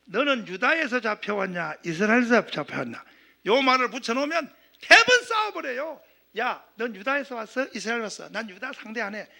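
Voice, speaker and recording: A middle-aged man from southeastern Korea preaching a sermon as pastor, animated, acting out quoted voices and calling for amens. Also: extremely high pitch, creaky. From Gyeongsang region, South Korea.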